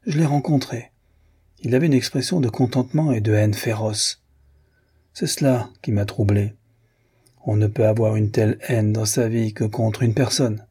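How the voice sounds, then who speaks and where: Man reading a sneering jealous husband, low husky voice, audiobook reading. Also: steady tone, normal speed, warm tone. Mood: anxious. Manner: sneering, then nervous and brooding. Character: jealous, bitter middle-aged official husband.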